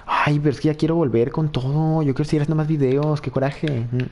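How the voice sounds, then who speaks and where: A man's voice: fairly high pitch, fairly even intonation, quick pace, a little mellow. A young man chatting casually and joking while he plays a video game, swearing at it now and then. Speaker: gaming youtuber. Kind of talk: casual gameplay commentary.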